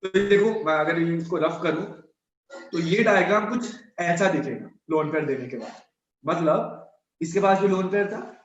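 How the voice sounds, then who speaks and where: A man's voice: high voice, slight background noise. A male chemistry teacher lecturing students in a chatty, scolding way, repeating his points. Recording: echoey room, dull sound.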